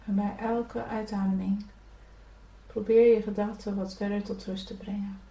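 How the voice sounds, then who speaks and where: A woman leading a guided spiritual meditation, giving gentle, soothing instructions to breathe and relax. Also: mid-range voice, level tone, moderate pace. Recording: echoey room, from a distance.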